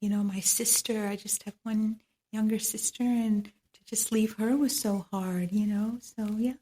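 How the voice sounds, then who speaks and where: A woman's voice: mid-range voice, steady tone, measured pace, warm tone. A woman from Trinidad with a Trinidadian accent, speaking as a guest on a podcast, reflective and often laughing. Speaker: guest, medical esthetician. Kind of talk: podcast interview.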